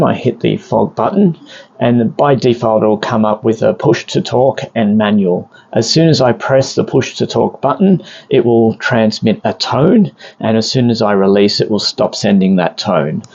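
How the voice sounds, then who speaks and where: Recorded inside a vessel, a male instructor walks through an equipment demonstration step by step in a plain, methodical, explanatory way. His voice is fairly low, husky and darkish with vocal fry, and the recording sounds muffled.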